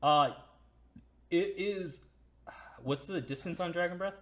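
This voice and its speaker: A man narrating as dungeon master in a home tabletop session, relaxed and chatty, often restarting his sentences. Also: sits high, slow. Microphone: home computer mic, voice chat.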